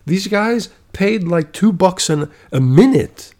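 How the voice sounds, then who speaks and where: A man's voice: high voice, expressive, slow, darkish tone. A man telling a story in a casual monologue, blunt and profane, growing exasperated and checking in with "okay?".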